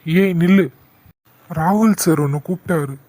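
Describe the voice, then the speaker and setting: A man's voice: high voice, a little slow, a little mellow, slight background noise. A man voicing a stern young male college lecturer who questions firmly in a cartoon. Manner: firm, questioning. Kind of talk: cartoon voice acting.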